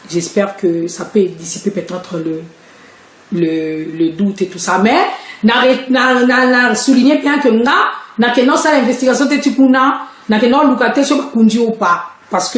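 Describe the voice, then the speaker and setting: A woman's voice: mid-range voice, roomy sound. A woman, chatting and explaining hesitantly on a live stream from home. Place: at home, indoors.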